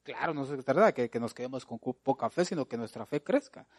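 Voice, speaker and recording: Preaching to his congregation, a man keeps firing rhetorical questions, shifting from booming exhortation to soft, lingering asides. His pitch is medium and his intonation lively.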